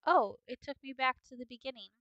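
A woman's voice: sits high, fast talker, dry recording, highs cut off. A young woman with a sniffly nose giving chatty, playful commentary on a video game at home, now and then breaking into bits of song. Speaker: gaming video host. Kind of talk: casual gameplay commentary.

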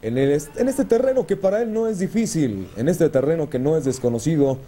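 High-voiced Mexican man, lucha libre announcer. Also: lively intonation, brisk, warm tone, a little hiss or hum. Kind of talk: wrestling play-by-play commentary.

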